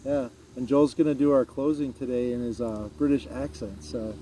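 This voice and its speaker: A man hosting a vlog, reading a Bible passage aloud and chatting about it in a halting way with many fillers. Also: medium pitch, steady tone, dark tone, slight background noise, rough recording. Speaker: vlog host. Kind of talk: casual Bible reading and chat.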